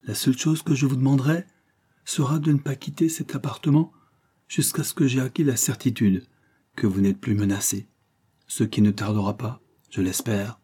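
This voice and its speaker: A man voicing Vallière, a gentle and loyal older secretary, in a read-aloud novel, speaking calmly and reassuringly. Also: medium pitch, moderate pace, husky, lightly acted.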